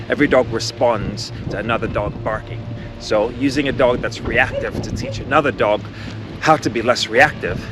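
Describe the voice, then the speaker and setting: A man who trains dogs, talking bluntly and directly to the viewer while walking a dog outside. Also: mid-range voice. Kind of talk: outdoor training instruction. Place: outdoors on a street.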